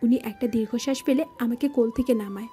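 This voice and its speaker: A woman narrating a romance audio drama in the first person, telling it in a lively manner. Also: a little high, fast. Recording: faint background music.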